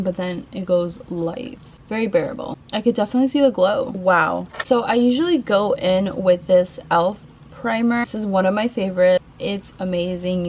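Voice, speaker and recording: Rain noise sits clearly behind a woman with a mid-pitched voice. She talks to camera as a beauty vlogger in a chatty, girly, informal way, walking viewers through a makeup routine. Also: a little mellow, rough recording. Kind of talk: casual makeup tutorial chat to camera.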